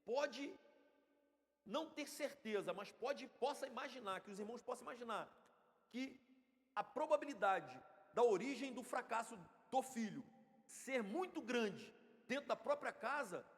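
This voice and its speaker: A man with a Brazilian Portuguese accent, a church elder giving an animated Sunday school sermon and acting out quoted parents, speaking off the microphone in a church hall. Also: very high voice, a little slow. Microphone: speaking without the microphone. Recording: long church hall reverb, off-mic.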